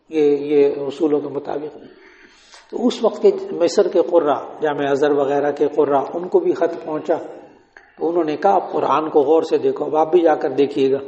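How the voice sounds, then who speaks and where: A man's voice: on the high side, mellow. An older man, an Islamic scholar, giving a religious Q&A lecture and explaining points while quizzing his listeners. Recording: echoey hall, dull lo-fi sound.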